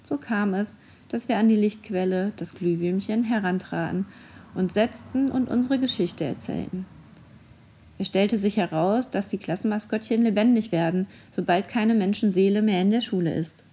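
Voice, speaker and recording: Mellow woman reading a children's story. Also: mid-range voice, normal speed, a little hiss or hum. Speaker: narrator. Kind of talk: children's audiobook narration.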